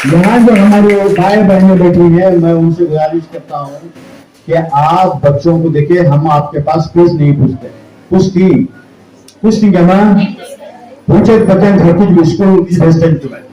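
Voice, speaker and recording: A man with a high, mellow voice addresses parents and students. He pleads earnestly and repeats his points to press them home. His words ring out in an echoing hall. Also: fairly even intonation, normal speed. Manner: earnest, exhorting, repetitive pleading. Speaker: school society speaker at prize distribution. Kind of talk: public speech to parents and students. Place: school function hall.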